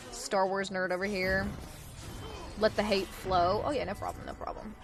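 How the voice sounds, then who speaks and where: A woman streaming a video game live, commenting on her play with profane trash-talk aimed at opponents, swinging between low muttering and loud yelling. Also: creaky. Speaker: Twitch streamer.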